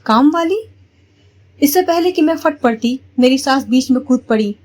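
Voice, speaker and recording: A woman narrating a first-person family story in a steady, plain storytelling manner. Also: high voice, brisk.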